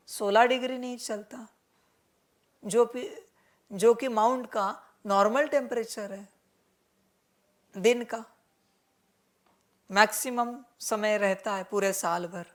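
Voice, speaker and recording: A woman spiritual teacher with a voice on the high side gives a sermon, addressing her listeners as children. She gently admonishes them and repeats her points, mixing English words into her Hindi.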